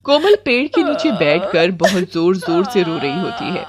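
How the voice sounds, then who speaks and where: A woman reading the narration of an animated story in a steady storytelling manner. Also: on the low side, moderate pace, a crowd in the background.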